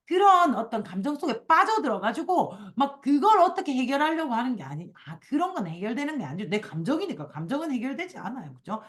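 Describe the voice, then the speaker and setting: A woman hosting a casual book discussion, reading passages aloud and acting out quoted complaints. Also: a little high. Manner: animated, acts out quoted complaints in a raised voice. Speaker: book club host.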